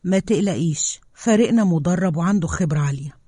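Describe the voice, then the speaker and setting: A woman voicing a calm, dismissive male scientist. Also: lowish voice, fast talker, no echo, studio quality, lightly acted. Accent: Egyptian Arabic.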